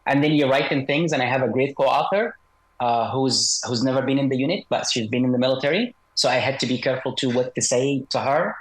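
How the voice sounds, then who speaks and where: Male interview guest, voice electronically disguised, mid-pitched and measured, hesitant delivery. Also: poor audio. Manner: measured, hesitant, frequent "uh" fillers. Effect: voice electronically altered to disguise identity. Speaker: guest author, former special operations soldier. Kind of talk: interview over a video call.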